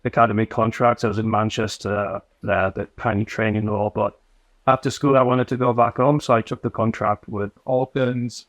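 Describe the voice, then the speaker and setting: A man from Newcastle with a mixed northern English accent, a podcast guest telling his story in relaxed casual chat, often restarting his sentences. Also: on the low side, normal speed, dry recording. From Newcastle, England.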